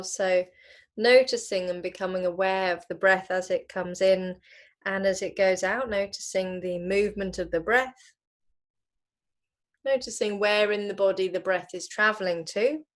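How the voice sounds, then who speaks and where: A woman with a steady, mid-range voice leads a yoga relaxation. Her instruction is gentle and slow, with pauses separating her phrases.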